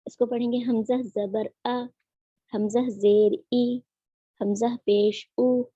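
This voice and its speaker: A woman teaching Quran recitation in an online lesson, drilling each sound slowly and patiently. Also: a little high, dark tone, slightly rough, dry recording, highs cut off.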